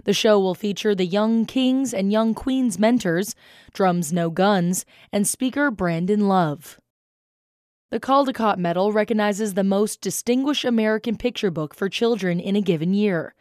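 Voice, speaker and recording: A woman's voice: medium pitch, measured pace, darkish tone, no room sound. Dry studio woman news anchor. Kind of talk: scripted radio news reading.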